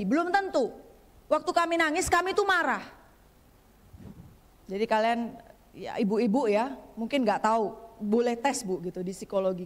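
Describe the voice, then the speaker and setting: A woman guest pastor giving a chatty, humorous sermon in a church, often turning to speak straight to the congregation. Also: high-pitched. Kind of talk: conversational sermon. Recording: long church hall reverb.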